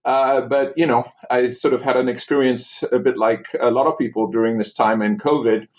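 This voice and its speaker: A man from Germany, a doctor talking about himself as a podcast guest, relaxed and full of "uh"s. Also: mid-range voice, normal speed. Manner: relaxed, hesitant with many "uh"s. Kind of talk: casual interview chat.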